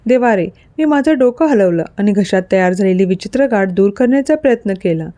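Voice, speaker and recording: A woman reading a dramatic audio story aloud in an expressive, storytelling manner. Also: mid-range voice, a little fast, no room sound. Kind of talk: scripted narration of an audio story.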